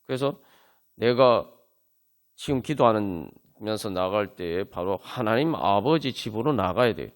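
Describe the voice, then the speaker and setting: Male pastor, Seoul Korean accent, lively swooping pitch, earnest sermon delivery with fillers and emphatic climbs. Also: unhurried. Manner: earnest preaching with many fillers, rising to emphatic peaks. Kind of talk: sermon at a Friday prayer meeting. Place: church sanctuary.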